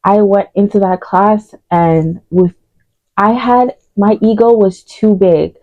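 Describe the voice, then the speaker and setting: While applying makeup, a Ugandan woman in her twenties tells casual vlog stories about her route into fashion design, full of fillers and corrections of herself. Her pitch is medium and her pace slow. The audio is dry and sounds like it came through a phone.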